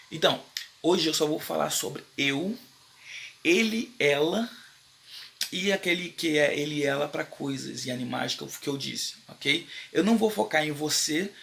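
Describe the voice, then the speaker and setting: A Brazilian man with a raised, gravelly voice and a bright, forceful edge gives a relaxed online English lesson. He talks in loose, slangy Portuguese, checking in with his viewers again and again. He slows right down and repeats each English phrase so learners can follow. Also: on the high side, a little hiss or hum. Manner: slow, drawn-out repetition of English phrases for learners; informal, slangy Brazilian Portuguese with frequent "beleza?" check-ins. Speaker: English teacher.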